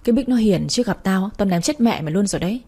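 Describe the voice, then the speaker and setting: A woman's voice: medium pitch, expressive, fast, mellow, breathy edge. A woman voicing a coarse, blunt neighbor woman who scolds hard. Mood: angry. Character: foul-mouthed tough older woman neighbor.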